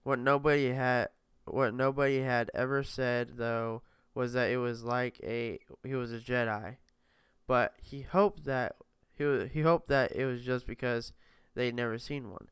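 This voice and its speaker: A man's voice: medium pitch, a bit bright, clear, resonant tone, dry recording. A young man casually reading a novel aloud, often stumbling over words and correcting himself. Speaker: reader.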